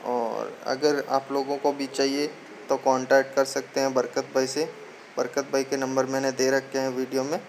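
A man from India, hosting his channel and giving a repetitive sales pitch for a goat farm. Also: little pitch movement, normal speed, darkish tone, a little hiss or hum, low-quality recording. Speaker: channel host. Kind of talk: promotional farm video narration.

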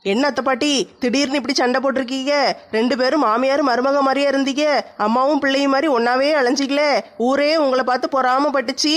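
A woman's voice: high-pitched, quick pace, natural voice. A woman playing a curious, chatty young village woman. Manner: curious, questioning, even-toned.

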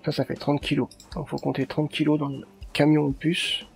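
A man's voice: on the high side, flat delivery, moderate pace, vocal fry, darkish tone, soft background music. A man giving casual let's play commentary, muttering and thinking aloud to himself.

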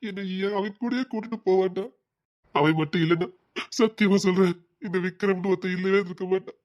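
A man's voice: sits high, steady tone, brisk, darkish tone, lo-fi sound, natural voice. An actor with a Tirunelveli Tamil accent playing a young man who grieves his lost mother and confides earnestly in a close friend. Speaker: actor in a village web drama. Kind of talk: dramatic dialogue.

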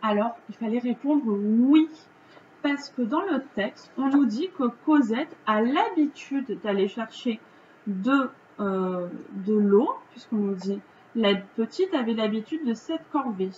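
A woman with a French accent, a teacher going through a reading lesson's answers for children in a slow, patient, step-by-step way. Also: fairly high pitch, lively intonation, darkish tone, muffled recording, a little hiss or hum.

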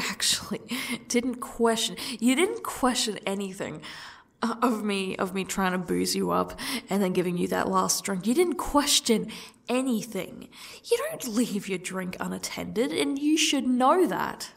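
A woman acts out a sadistic female yandere stalker in an ASMR role-play. Her voice is husky and crackles with fry, and she takes her time, taunting her captive with smug, faux-gracious menace. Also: mid-range voice, heavily acted. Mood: condescending. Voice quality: breathy, husky, dropping into speaks softly.

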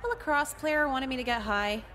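A deadpan, crude teenage girl. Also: high voice, normal speed, soft background music. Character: sardonic, apathetic teenage girl. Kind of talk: video game voice acting.

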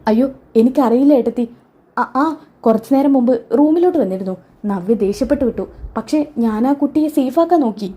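A woman's voice: fairly high pitch, animated, fairly quick, warm tone, breathy edge, pitched above the performer's own voice. A woman voicing a frightened, guilty young husband who stammers and pleads. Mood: pleading.

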